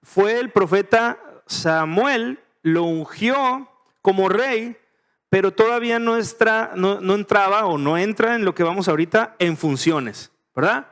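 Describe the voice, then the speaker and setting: A middle-aged man with a Mexican Spanish accent leads a verse-by-verse Bible study. His voice sits high, and he talks in a chatty, joking way, often turning questions to his listeners. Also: measured pace, fairly bright tone. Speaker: pastor teaching a Bible study. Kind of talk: casual verse-by-verse Bible teaching.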